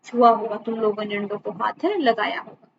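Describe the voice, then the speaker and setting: A woman's voice: mid-range voice, moderate pace, muffled recording, a little hiss or hum, close to an everyday voice. A woman teacher reading the lines of a stern mother scolding her children.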